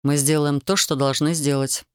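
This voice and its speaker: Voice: medium pitch, little pitch movement, moderate pace, smooth, no room sound, clean studio sound, voice pushed down, lightly acted. A reader voicing a stubborn young male officer who answers in a curt, restrained way in an audiobook. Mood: grim. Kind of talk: audiobook character voice.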